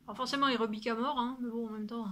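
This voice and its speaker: A woman's voice: a little high, fairly even intonation, rapid-fire, fairly bright tone. A woman chatting casually about her sewing and knitting projects, rambling, swearing now and then, and sometimes dropping to a whisper. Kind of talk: casual chat to camera.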